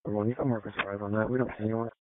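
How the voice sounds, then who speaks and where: A man's voice: on the low side, level tone, racing. A man in terse radio traffic over a two-way radio. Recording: tinny narrowband scanner radio.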